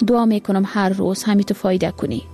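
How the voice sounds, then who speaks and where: A woman's voice: mid-range voice, fairly even intonation, mellow, faint music behind, close to an everyday voice. A woman voicing a worried, loving mother and wife, with an exclaiming, pleading manner. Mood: anxious.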